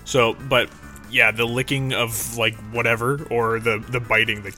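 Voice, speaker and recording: A man's voice: medium pitch, little pitch movement, moderate pace, sharp tone, soft background music. A young man hosting a podcast, telling rambling, profane stories in casual chat into a studio mic. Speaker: podcast host. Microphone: studio mic through a mixer.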